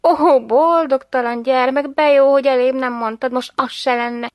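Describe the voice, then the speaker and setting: A woman putting on a poor mother who laughs her way through hardship, her voice lifting high and loud with excitement. She exclaims and counts eagerly. The recording is close and dry, with no room sound. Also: no room sound, highs cut off, lightly acted.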